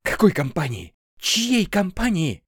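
A man's voice: sits high, huge pitch swings, measured pace, husky, no echo, studio quality, pitched above the performer's own voice, full character voice. A man voicing a brusque male boss who barks demanding questions at his secretary. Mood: demanding, shouting. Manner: barking, demanding, commanding. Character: brusque middle-aged male boss, shouting.

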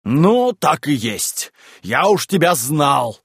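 A man voicing a boisterous, rude male landowner who shouts and bullies in an audiobook reading. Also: on the high side, sing-song, slow, slightly rough, no room sound, clean studio sound, full character voice. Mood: blustering. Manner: shouting, blustering, pushy.

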